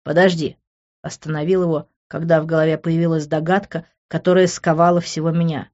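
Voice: mid-range voice, flat delivery, brisk, a little mellow, highs cut off. A reader narrating a first-person novel with tense, driving delivery. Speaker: audiobook reader.

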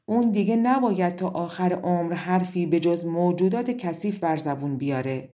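A scheming little pigeon from a storybook who speaks slowly and deliberately, savoring a plan, as a woman storyteller voices it. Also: on the low side, dark tone, lightly acted. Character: clever scheming middle pigeon.

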